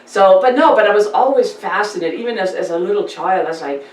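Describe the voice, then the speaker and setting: A man from Germany with a German accent, hosting a casual interview and talking in an animated, chatty way with many repeated words. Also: high voice, quick pace. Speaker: podcast host. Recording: roomy distant mic with faint ambience.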